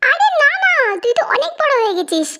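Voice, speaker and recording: A woman's voice: extremely high pitch, big pitch swings, a little fast, bright, forceful tone, voice pushed up, exaggerated voice. A woman voicing a teasing, chatty young man in a storybook reading.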